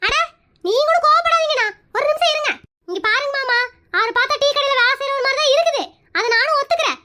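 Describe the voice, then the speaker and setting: Comedy skit: woman as feisty scolding wife, extremely high voice, very rapid delivery, Kongu Tamil accent. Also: pushed and bright. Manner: scolding, threatening, bickering. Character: feisty wife seeking divorce, scolding her husband.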